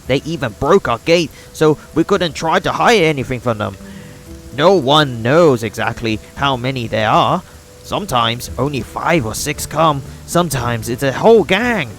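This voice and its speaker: A man's voice: medium pitch, animated, normal speed, a bit bright, faint music behind. A man voicing an aggrieved middle-aged male frontier innkeeper, reading his lines with indignant complaint.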